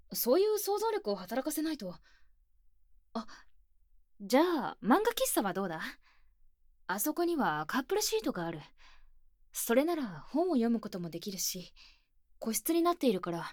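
In a Japanese ASMR voice drama, a woman speaks softly and close as an earnest, bookish high-school club president with stiff, boyish phrasing. It was recorded dry on a close binaural microphone.

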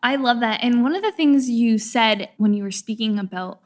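A woman's voice: on the high side, normal speed. A young woman from a small town in Canada hosts a podcast, sounding enthusiastic and chatty and often saying "like". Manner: enthusiastic, chatty, says "like" a lot. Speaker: podcast host. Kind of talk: podcast interview.

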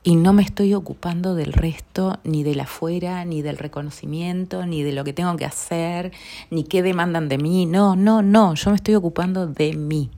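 Soft-spoken low Rioplatense woman. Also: normal speed, gravelly. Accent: Rioplatense Spanish. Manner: soft, earnest, often dropping to a near whisper. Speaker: podcast host. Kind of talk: reflective personal talk.

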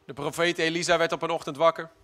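A man preaching a sermon, swinging from hushed, drawn-out phrases to loud emphatic declarations and slipping in the odd English phrase. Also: on the high side, level tone. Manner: slips in occasional English phrases.

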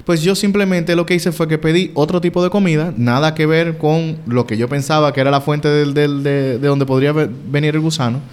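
A man's voice: on the high side, brisk, few pauses, smooth. A man earnestly telling a personal story in casual conversation, reflecting on his fears. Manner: earnest, self-reflective, animated retelling. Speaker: guest sharing a personal story.

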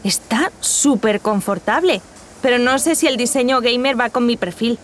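A woman acting as a customer trying out a chair in a scripted learner dialogue, with a bright, eager delivery. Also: on the high side, normal speed, slight background noise, natural voice. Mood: delighted.

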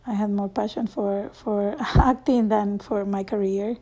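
In a halting stand-up monologue broken up by restarts and little chuckles, a Salvadoran actress in her thirties speaks Spanish, her native language, with a Salvadoran accent. Her mid-range voice is dark and holds a steady tone.

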